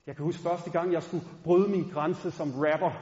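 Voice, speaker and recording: A man's voice: a little high, fairly even intonation, a little mellow. A man from Denmark telling a funny story on stage to a live audience, playful and talking straight to the crowd. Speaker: stand-up storyteller and rapper. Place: large concert hall. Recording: echoey hall, dull sound.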